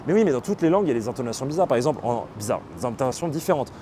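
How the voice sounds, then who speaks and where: A man hosting a live stream, explaining things casually and pausing often on fillers as he reads and answers chat. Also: medium pitch, animated, dark tone, slight background noise. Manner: explanatory, hesitant, with many fillers. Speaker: livestream host.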